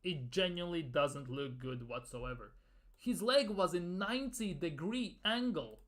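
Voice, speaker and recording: A man's voice: on the high side, expressive, unhurried, a bit bright. A man ranting in a football fan commentary video, exasperated and sarcastic, with some swearing.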